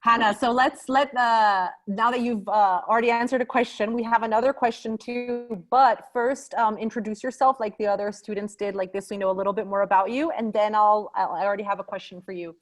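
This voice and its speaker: A woman hosts an online open house over a video call. She reads out questions from the chat in an easy, relaxed way and hands them to the guests. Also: mid-range voice, brisk, few pauses.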